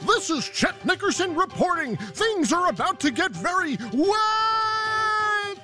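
A man putting on the voice of a frantic TV weatherman shouting a report in a children's show. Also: very high voice, sing-song, takes it slowly, voice pushed up, full character voice. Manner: yelling reporter bluster. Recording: loud music underneath, voice set back.

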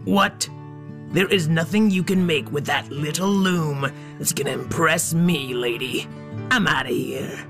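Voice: mid-range voice, measured pace, gravelly, over music. A storyteller voicing a cocky, bumbling young male police detective who is easily spooked. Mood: whiny.

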